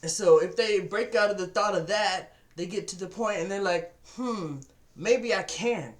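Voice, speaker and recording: A man's voice: sits high, steady tone, normal speed. A man giving a casual motivational talk to his webcam, telling stories and acting out what people said. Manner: storytelling, acts out quoted voices, repeats words. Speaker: vlogger. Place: at home at a computer.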